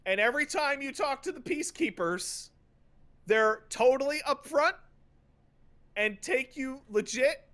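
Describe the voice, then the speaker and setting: Hosting a podcast, a man with an extremely high, animated, fairly bright voice rants about video games. His delivery is emphatic and profane, halting, full of repetitions and mocking paraphrases.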